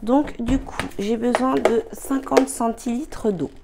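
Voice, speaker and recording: A woman's voice: a little high, slow pace, creaky, heavy background noise. Tired, apologetic woman demonstrating a recipe. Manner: hesitant, many fillers, apologetic. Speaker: cooking and beauty vlogger. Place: home kitchen.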